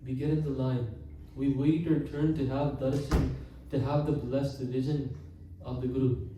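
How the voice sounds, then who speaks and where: A man's voice: medium pitch, flat delivery. Man preaching in an echoing hall. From Canada. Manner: earnest, addresses the congregation often, slows for emphasis. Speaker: Sikh preacher giving katha. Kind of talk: sermon. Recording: echoey hall from far off with faint noise.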